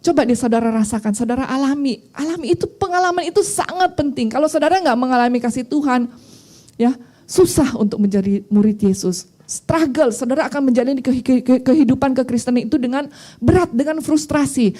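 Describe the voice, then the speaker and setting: Woman preaching in a bright, mellow voice. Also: sits high, a little fast. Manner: conversational, personal storytelling with mixed English phrases. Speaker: pastor. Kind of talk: sermon.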